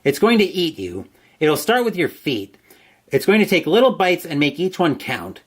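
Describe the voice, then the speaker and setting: A man hosting a solo tabletop horror game, reading the gamebook aloud. His voice sits a bit high and swings widely in pitch as he builds tension. He breaks off into casual asides while rolling dice. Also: big pitch swings, normal speed. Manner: dramatic narration, asides on dice rolls. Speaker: host playing a solo gamebook.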